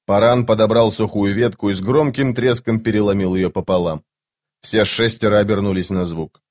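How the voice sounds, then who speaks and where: Low-voiced man narrating an audiobook. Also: darkish tone.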